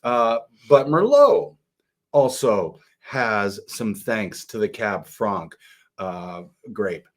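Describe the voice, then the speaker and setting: Low-voiced man chatting about wine. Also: big pitch swings. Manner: chatty, halting with many fillers. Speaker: podcast co-host. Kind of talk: casual wine-tasting chat.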